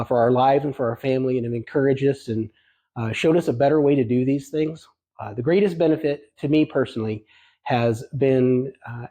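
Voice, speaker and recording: A man's voice: mid-range voice, warm tone, low-quality recording. A man who owns a painting company giving a grateful video testimonial to his mentor, with some fillers.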